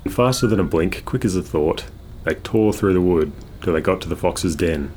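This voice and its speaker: A man reading a children's storybook aloud in a measured, expressive way. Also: deep voice, a little hiss or hum. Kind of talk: scripted storybook narration. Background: guitar music.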